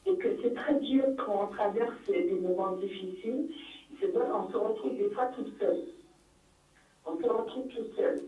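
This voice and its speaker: Woman caller, earnest and halting, thin phone-line sound, roomy and distant. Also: mid-range voice. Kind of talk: call-in radio chat. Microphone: telephone. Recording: echoey tinny phone line from far off.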